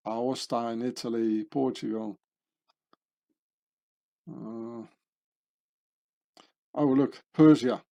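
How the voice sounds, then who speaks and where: A mellow, mid-range male voice belongs to a channel host who talks his way through a set of pictures. His monologue meanders and rambles, packed with fillers and tag questions.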